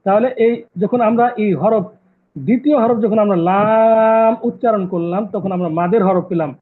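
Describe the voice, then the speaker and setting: A high-voiced man briskly goes over Quran recitation rules online, repeating terms with patience and quizzing students. The call audio is tinny and phone-like, with slight background noise.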